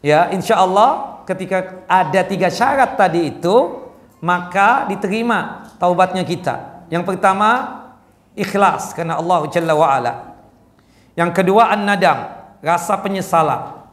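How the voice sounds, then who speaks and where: High-voiced man preaching in an echoey mosque. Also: animated, normal speed, fairly bright tone. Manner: conversational, asks the audience "jelas?" often. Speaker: Islamic preacher answering questions. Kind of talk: casual sermon with audience Q&A.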